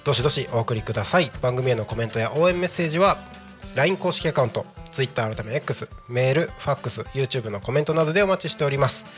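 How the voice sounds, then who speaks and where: A man's voice: medium pitch, animated, fast, a bit bright, faint music behind. A man hosting a live community radio show in polite, apologetic announcer patter. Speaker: radio host.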